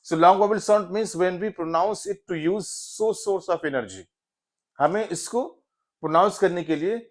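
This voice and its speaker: A male teacher with an Indian accent explaining English vowel sounds in a mix of Hindi and English, repeating "yes" and "so" between example words. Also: fairly high pitch. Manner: drawn-out, repetitive explanation with frequent "yes" and "so". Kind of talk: phonetics lesson mixing Hindi and English.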